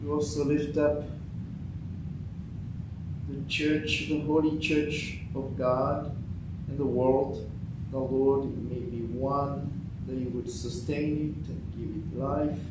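A man leading morning prayer from a lectern in a small church sanctuary, reading the liturgy in a slow, measured way, picked up by a distant fixed camera. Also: mid-range voice, level tone. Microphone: far fixed camera. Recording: echoey church from far off with background noise.

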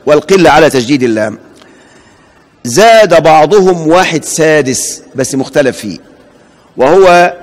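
A man with an Egyptian accent teaching hadith in a classroom lecture, quizzing his students and slowly repeating and spelling out names. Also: on the high side. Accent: Egyptian Arabic. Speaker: hadith professor. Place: large mosque hall. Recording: long hall reverb.

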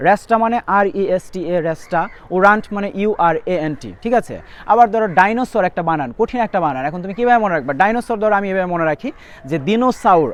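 A young man tutoring students for an entrance exam, spelling words out letter by letter. He speaks at a very rapid clip in a fairly high voice. His manner is that of a direct spoken lesson. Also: clear, resonant tone. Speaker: admission test English tutor.

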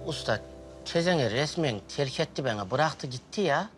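A man's voice: fairly high pitch, lively intonation, normal speed, lightly acted. An actor playing a lovesick, hot-headed young man who complains dramatically in a sitcom. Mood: self-pitying. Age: young adult. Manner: dramatic, exaggerated, whiny outbursts. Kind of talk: TV sitcom acting. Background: background music.

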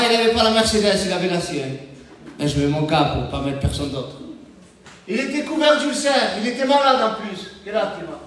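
A man preaching a sermon as pastor, emphatic, swinging between loud calls and hushed asides. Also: sits high, slight background noise. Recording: very echoey, from far off the mic.

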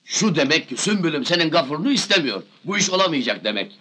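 Grumpy older village dad in a comedy film, raspy, sharp, stubborn. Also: male voice, a little high, big pitch swings, fast, full character voice. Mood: indignant. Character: quarrelsome older village father, stubborn and indignant. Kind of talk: Turkish film comedy acting.

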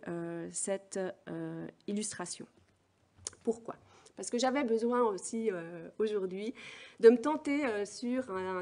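A middle-aged woman gives a conference keynote, thinking aloud at a steady, measured pace. Her voice sits a little high, and she pauses often on soft fillers as she builds each point. She is recorded indoors on a lectern mic. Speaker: keynote speaker, education researcher.

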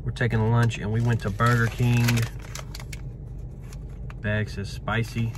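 A man's voice: mid-range voice, level tone, a little slow. A man in his thirties giving a casual food review to camera from inside a car. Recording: in a car with clear vehicle noise.

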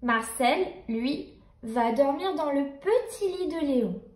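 A woman's voice: sits high, animated, takes it slowly. A woman narrating children's picture books as a storyteller, reading a scripted story aloud.

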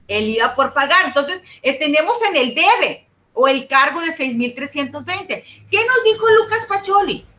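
A woman's voice: sits high, animated, moderate pace, a bit bright. A woman teaching an accounting class online, often stopping to check that her students follow and repeating key points. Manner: asks students frequent check-in questions.

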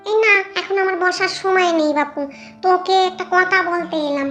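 This fussy ghost auntie, as a woman voices her scolds and teases with a very high voice. Soft music plays under this cartoon. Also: steady tone, moderate pace. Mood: busy. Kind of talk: cartoon voice acting.

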